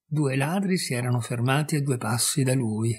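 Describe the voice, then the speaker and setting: A man reading a fairy tale aloud with expressive storytelling. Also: medium pitch, normal speed, slightly rough.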